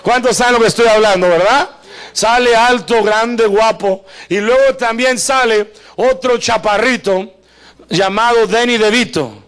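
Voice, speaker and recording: Male pastor, high voice, animated comic preaching full of questions to the crowd. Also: a little slow, clean tone. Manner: animated and joking, acts out voices; asks the congregation questions often. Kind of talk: live Spanish sermon. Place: church service before a congregation.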